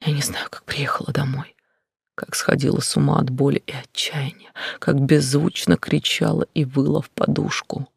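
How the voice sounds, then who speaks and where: A man narrating a first-person novel in a quiet, intense, often whispered delivery. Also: mid-range voice, little pitch movement, moderate pace, creaky, breathy edge, no room sound, clean studio sound. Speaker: audiobook narrator.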